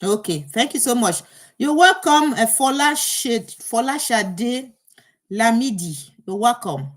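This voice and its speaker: A woman with a fairly high, animated voice and a measured pace hosts a live online talk show through an earpiece mic. Flustered, she troubleshoots the technical trouble aloud, full of fillers and restarts.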